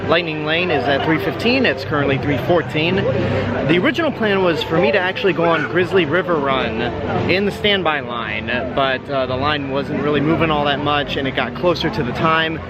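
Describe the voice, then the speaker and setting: Slightly high-voiced man vlogging outdoors. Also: normal speed, over a noisy crowd. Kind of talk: casual chat to camera. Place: outdoors in a theme park. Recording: loud outdoor ambient noise.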